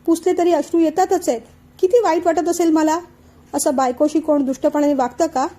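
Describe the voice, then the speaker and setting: A woman's voice: high voice, fairly even intonation, brisk, warm tone, voice pushed up, lightly acted. A woman doing a tearful sulking young wife. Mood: tearful complaint. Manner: complaining through tears.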